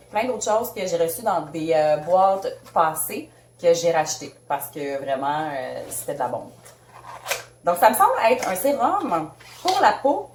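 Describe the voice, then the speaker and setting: A woman's voice: mid-range voice, darkish tone, echoey room, a little hiss or hum. Bubbly Québécoise woman unboxing makeup. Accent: Québécois French. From Canada. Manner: bubbly, chatty, laughs often. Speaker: beauty vlogger. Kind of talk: casual unboxing chat.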